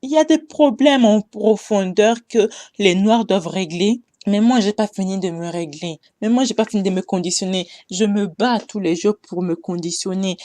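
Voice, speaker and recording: A young woman with a mid-range, darkish voice tells a casual storytime monologue to her audience. She exhorts her listeners passionately but hesitates a lot.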